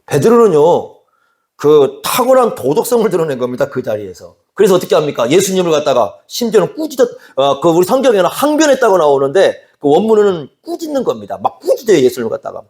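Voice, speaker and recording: A man's voice: sits high, wildly swooping pitch, fast, a little mellow. A man preaching a sermon in a conversational way, often asking the congregation questions and acting out quoted dialogue. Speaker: pastor.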